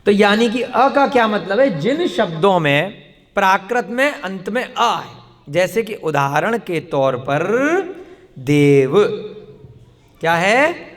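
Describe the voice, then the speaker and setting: A male teacher with a high voice runs a slow, deliberate classroom lesson, drilling his students with question after question. His voice rings out in a room with a long reverb tail. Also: animated, fairly bright tone.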